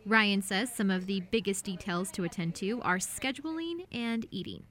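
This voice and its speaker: A woman's voice: medium pitch, moderate pace, a bit bright. A woman reporter reading scripted narration for a radio news feature.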